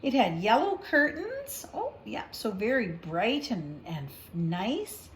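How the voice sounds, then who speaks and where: A storybook reader with a slightly high, very animated voice reads a picture book slowly, adding chatty asides and gentle questions as if explaining to a young child. Her tone is conversational, and a little hiss or hum is audible.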